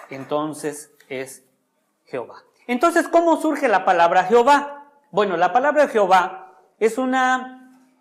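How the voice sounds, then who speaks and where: A preacher teaching from the pulpit in a church. The delivery is explanatory and conversational, drawing listeners in with direct questions. Key words are stretched out and repeated for weight. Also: medium pitch. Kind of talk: sermon.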